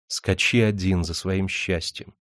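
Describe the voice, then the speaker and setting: A man voicing a meek, grieving young village woman who speaks quietly and sorrowfully. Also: low voice, fairly even intonation, measured pace, dry recording, clean studio sound.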